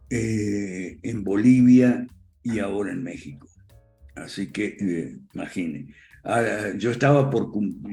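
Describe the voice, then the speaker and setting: A man's voice: fairly low pitch, darkish tone. An older man from Argentina with an Argentine Spanish accent, giving a conversational virtual lecture, dotting his talk with "eh" and "¿ok?" and little chuckles. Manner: frequent "eh" and "¿ok?" tags, chuckles while talking.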